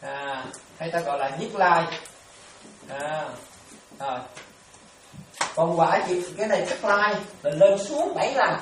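A man's voice: on the high side, unhurried, pauses often. A man, a Buddhist monk giving a dharma talk, repeating terms and often checking that listeners follow. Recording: very echoey room, distant mic, faint noise.

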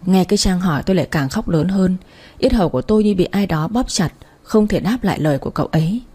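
A woman reading a first-person story aloud in a steady, earnest narration. Her voice is husky and low, with a dark, mellow warmth. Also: quick pace. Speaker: audiobook narrator.

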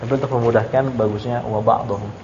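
A man's voice: medium pitch, fairly even intonation, quick pace, background noise. A man teaching Arabic grammar in a classroom, quizzing his students and stressing points emphatically. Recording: echoey dull room recording.

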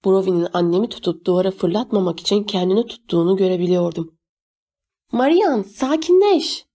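A woman reads a first-person novel aloud in a measured, steady voice. Her tone is mellow and warm, with a rounded, unhurried storytelling delivery. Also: on the low side. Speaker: audiobook narrator.

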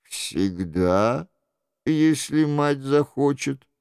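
A man voicing a scheming aging queen mother, slow and pleading in a coaxing way. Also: medium pitch, expressive, gravelly, a little mellow, clean tone, no room sound, clean studio sound, exaggerated voice.

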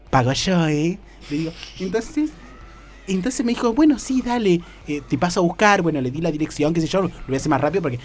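A man with a Rioplatense accent tells a comic story on the radio, camp and theatrical, stumbling through fillers and restarts. His voice sits a bit high and swings widely in pitch. Soft music plays faintly behind him. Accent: Rioplatense Spanish.

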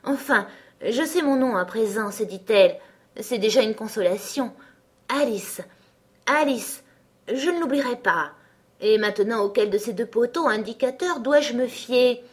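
A woman's voice: fairly high pitch, animated, unhurried. A woman voicing Alice, a curious, somewhat timid young girl, thinking aloud in a searching, puzzled way. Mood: musing.

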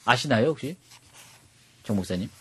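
A man hosting a radio program talks chattily and drops in plenty of fillers. His voice is a little husky, and his pitch rises and falls in big swings. He is in a radio studio. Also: lively intonation, moderate pace, a bit bright. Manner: chatty, uses many fillers. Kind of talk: radio talk and English lesson.

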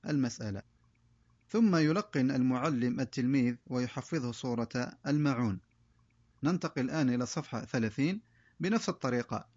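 A man's voice: mid-range voice, a little mellow, no room sound. Guy teaching quran reading primer, drills syllables one at a time, dry muffled recording. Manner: slow drilled syllable-by-syllable modeling. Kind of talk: explaining a reading primer lesson.

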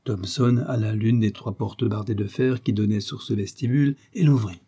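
Husky man reading a detective novel. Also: lowish voice, fairly even intonation, moderate pace, dark tone. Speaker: narrator. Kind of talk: audiobook narration.

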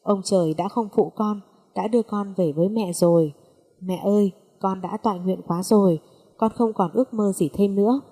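A woman voicing a gentle young orphaned woman who speaks in a choked, sobbing voice, with long reverb. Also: mid-range voice, normal speed, natural voice. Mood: tearful.

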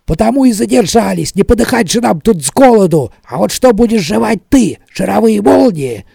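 A man's voice: high voice, lively intonation, normal speed, creaky, mellow, husky, no room sound, clean studio sound, voice pushed up, heavily acted. A man doing a tense, snapping young thief. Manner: strained, raised voice.

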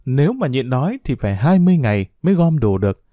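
Man, storyteller, first-person narration, wry, self-mocking, middle pitch, dry sound. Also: big pitch swings, quick pace, no echo, phone-quality sound.

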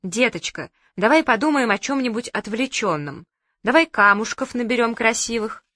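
A woman's voice: fairly high pitch, lively intonation, normal speed, bright, forceful tone, dry recording, clean studio sound. A woman doing a fussing old granny. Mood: scolding. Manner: scolding, bossy. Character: fussing stern old grandmother.

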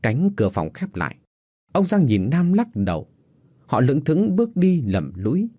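A man narrating a dramatic story in an expressive, scripted way. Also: a little high, moderate pace, no room sound, clean studio sound.

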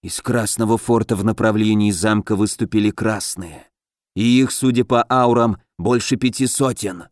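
A man voicing a quiet, impassive floating spirit mage who speaks low and unhurried. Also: steady tone, no room sound, clean studio sound, natural voice. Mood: calm. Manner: low, hushed, unflappable.

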